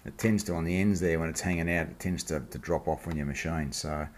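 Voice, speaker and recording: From his home workshop, an Australian host of a machining video series talks through the task in a casual, laid-back, blokey style. His pitch is extremely low with fairly even intonation, and his pace is brisk. There's a slight hiss or hum in the audio.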